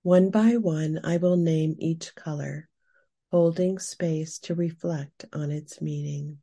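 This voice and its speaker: A woman leading a scripted guided meditation in a soft, breathy, hushed and soothing spa-like manner. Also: deep voice, steady tone, takes it slowly.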